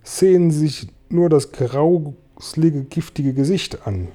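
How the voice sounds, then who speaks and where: A loud, bossy police chief barking in a raised, strained voice, as a man puts him on for a storybook reading. The tone stays dark and mellow even when he yells. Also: a little high, slow, voice pushed up. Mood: shouting alarmed. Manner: shouting, excitable, bossy. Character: blustering big-city police chief, man.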